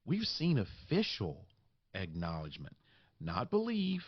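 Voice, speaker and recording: A man hosting a podcast in monologue, with a raspy voice congested by sinus trouble and dramatic, deliberate phrasing. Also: medium pitch, huge pitch swings, no room sound, muffled recording. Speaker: podcast host.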